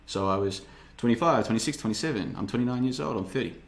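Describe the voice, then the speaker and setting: In a casual podcast monologue, a thirty-something host talks fast in a mid-range voice as he reads the live chat. He rambles, stays sarcastic, and slips into mocking voices.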